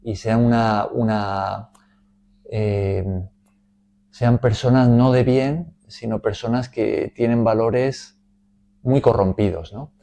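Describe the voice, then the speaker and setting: Guy teaching bible study, slow and mellow, keeps asking "¿no?". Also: mid-range voice, steady tone, creaky, slight background noise. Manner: measured, frequent "¿no?" tags.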